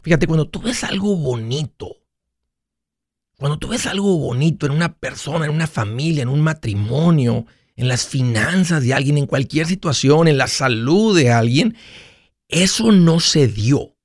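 A man's voice: on the high side, lively intonation, normal speed, no room sound. Man, 40s, host monologue, playful, dry close sound. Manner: playful, jokey, restarts mid-phrase. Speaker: radio finance host. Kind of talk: casual monologue.

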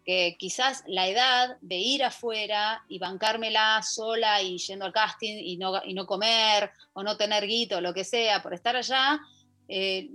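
Pushed and bright, the mid-range voice belongs to a middle-aged Argentine musical theatre actress. She's chatting as a radio interview guest in the studio about her stage work, with many fillers and restarts.

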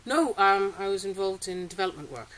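Her mid-range voice is expressive, brisk and a little bright as this Singapore-raised woman in middle age talks about her farm for an interview. Chatty and quick to laugh, she hesitates with frequent fillers. It's a rough recording from a polytunnel, with faint hiss and rain drumming on the roof.

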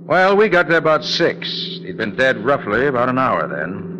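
A man playing a calm, probing detective in a 1940s radio drama. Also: mid-range voice, moderate pace, highs cut off, lightly acted. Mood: plain. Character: cool, sharp male amateur detective. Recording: noisy old radio recording.

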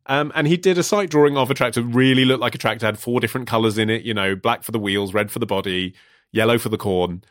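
A man in his thirties chatting casually on a podcast, telling stories with animated delivery and frequent laughter. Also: medium pitch, fast talker, no room sound, clean studio sound. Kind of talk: casual chat.

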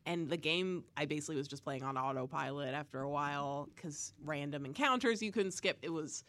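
A young woman co-hosting a casual podcast, telling a story with animated energy and frequent laughs. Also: sits low, a little fast. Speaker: podcast co-host, game reviewer. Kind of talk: casual chat.

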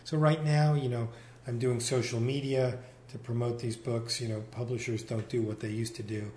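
A male novelist chatting in an interview, meandering and correcting himself, recorded on a single mic in a giant high-ceilinged room with big hall echo. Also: level tone, normal speed, mellow, a little hiss or hum. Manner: meandering, self-correcting, many fillers. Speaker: novelist guest. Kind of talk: casual interview chat. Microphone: single shared mic in the room.

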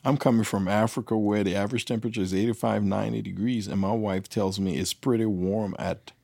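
A low, gravelly man tells his story as a guest, throwing himself into every voice. His tone is husky and rough. The recording is close and dry. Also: brisk, no room sound. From Liberia. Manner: animated, acts out dialogue. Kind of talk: anecdotal storytelling.

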